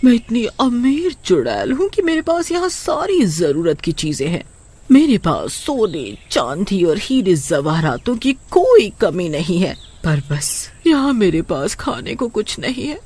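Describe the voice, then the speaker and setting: Woman doing a cartoon witch, rich, starved, bossy, slow sing-song, wide-swinging pitch. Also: sing-song, dark tone, breathy edge. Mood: boastful. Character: rich hungry female witch, greedy and bossy. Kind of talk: cartoon voice acting.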